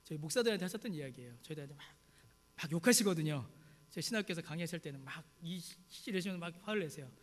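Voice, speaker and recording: A man's voice: on the high side, lively intonation, rapid-fire. A male pastor preaching a sermon with passion, piling up repeated rhetorical questions to his congregation. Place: church sanctuary. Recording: long hall reverb.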